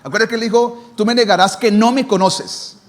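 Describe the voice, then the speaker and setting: A man who is a pastor, preaching a sermon. He asks rhetorical questions and moves between strong emphasis and a low, hushed tone. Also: a little fast.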